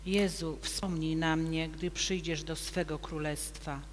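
A man reading the crowd at the cross, high voice. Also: fairly even intonation. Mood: earnest. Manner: slow, measured reading. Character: onlookers at the cross: scoffing rulers, soldiers, thieves, centurion. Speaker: reader of the Passion. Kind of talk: liturgical reading. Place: church. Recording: long church reverb, faint hum.

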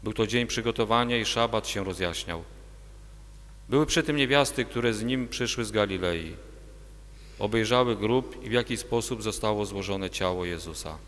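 Male narrator for a church reading, steady, long reverb. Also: on the low side, moderate pace. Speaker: narrator of the Passion. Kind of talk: liturgical reading.

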